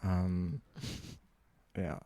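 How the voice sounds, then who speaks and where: A man with a lowish voice talks as a player at a tabletop game, slow and hesitant, and trails into fillers as he thinks. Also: little pitch movement, mellow, no echo.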